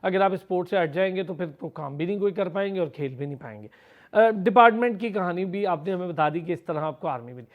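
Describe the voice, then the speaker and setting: A man's voice: high voice, lively intonation, quick pace, narrow, tinny audio. A man from Pakistan with a Pakistani Urdu accent, interviewing an athlete on a TV sports show in long, multi-part questions full of praise.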